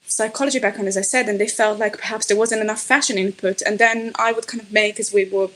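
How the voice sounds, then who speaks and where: A middle-aged Israeli woman, a fashion designer and native Hebrew speaker, is a guest on a podcast and speaks thoughtfully in a conversational interview, with lots of fillers and restarts. Her mid-range voice is steady in tone, a bit bright and fast. The recording is rough.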